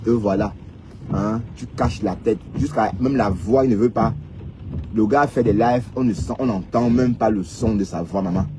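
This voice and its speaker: A man from Cameroon with a Cameroonian French accent rants and teases viewers on a casual live stream, mocking them and often tacking on "hein." His voice is on the low side at a moderate pace, with background noise.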